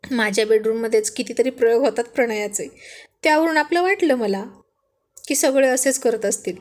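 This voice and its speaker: A woman reading the lines of a shy young wife in a storybook, gently scolding and amused. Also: on the high side, normal speed, natural voice.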